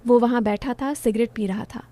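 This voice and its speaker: A young woman narrating an emotional first-person story in a soft, heartfelt, confiding way. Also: fairly high pitch, steady tone, brisk.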